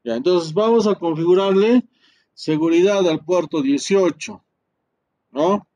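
Guy teaching networking on his pc, slow and a bit high voiced, mutters and keeps saying "right?". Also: warm tone, muffled recording. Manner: thinks aloud, frequent tag questions, mutters and trails off. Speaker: networking instructor. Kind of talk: screen-recorded tutorial.

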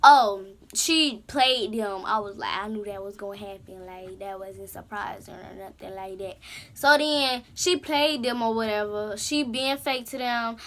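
A woman vlogger in her bedroom telling a story time in an animated, slangy, rambling way, with lots of asides. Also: mid-range voice, measured pace. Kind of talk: casual story time monologue. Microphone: camera's built-in mic.

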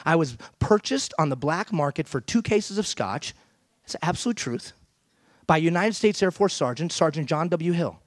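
A middle-aged man from Iran gives an emphatic motivational keynote on a large theater stage, often throwing questions out to the audience. His voice sits on the high side and is expressive at a moderate pace. He wears a headset mic, and the sound is studio quality with no echo.

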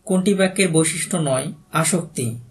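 Over slight background noise, a man with a Bangladeshi Bengali accent and a fairly high voice reads quiz questions at a moderate pace as an exam prep tutor. He answers each one plainly and follows with a brief explanation.

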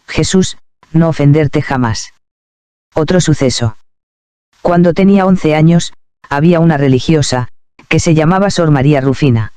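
A man calmly and reverently reading a first-person devotional memoir aloud as narrator. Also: on the high side, clear, resonant tone, no room sound.

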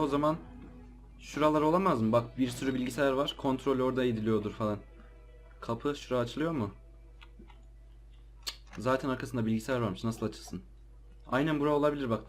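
Jumpy man narrating a horror game. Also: mid-range voice. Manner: jumpy, easily startled, slangy chatter to viewers. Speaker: let's play gamer. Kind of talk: casual gameplay commentary.

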